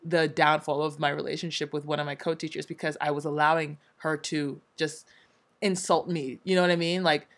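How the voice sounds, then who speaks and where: A young woman from Nigeria and America who teaches in Korea chats casually in a low, brisk voice. She's an energetic, expressive storyteller who acts out the lines of her students and coworkers.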